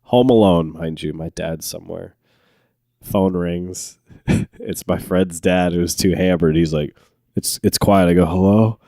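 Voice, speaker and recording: Animated man with a lowish voice. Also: measured pace, gravelly, no echo, clean studio sound. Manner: animated, laughing, jumps into high-pitched quoted voices. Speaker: podcast co-host. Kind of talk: casual storytelling chat.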